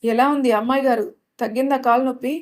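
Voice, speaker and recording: A woman's voice: high voice, steady tone, fast talker, natural voice. A woman voicing a caring, chatty older housemaid in an audio story. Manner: coaxing, familiar, chatty.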